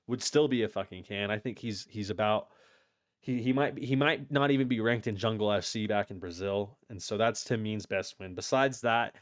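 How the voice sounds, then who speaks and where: A man's voice: on the low side, no echo. A man giving casual, opinionated commentary on fighters, talking in a rambling way with lots of swearing and restarts. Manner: rambling, profane, frequent restarts. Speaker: YouTube MMA commentator.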